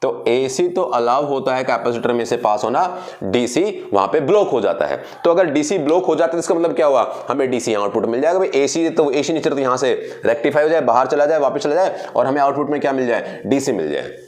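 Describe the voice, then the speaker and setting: A man's voice: medium pitch, expressive, a little fast, a little mellow. A man teaching a physics lesson to students, asking and answering his own questions and repeating key words as he explains. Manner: addresses students directly, mixing in English phrases. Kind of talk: classroom physics lecture.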